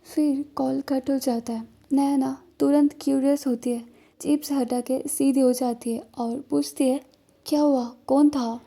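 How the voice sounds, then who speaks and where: A woman reading a scripted romance story aloud as narrator in a steady, descriptive way. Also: high-pitched, unhurried, gravelly.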